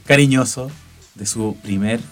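A man's voice: medium pitch, a little slow, soft background music. A man in his forties with a Chilean accent, co-hosting a podcast and telling anecdotes in casual chat. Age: 40s. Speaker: podcast co-host.

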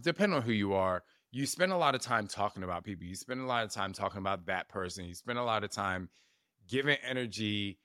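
A middle-aged man hosts a self-help podcast with a casual, chatty delivery, full of asides and questions aimed at the listener. His voice sits on the low side. The sound is dry and close, with little room echo. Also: sharp tone. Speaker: podcast host. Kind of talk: reflective self-help monologue.

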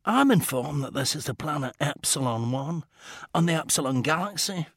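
A precise, unhurried inventor, as a man voices him, speaking quietly and a touch reproachfully. His delivery is measured but the pitch moves with life. The sound is close and dry. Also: expressive, no echo. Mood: calm.

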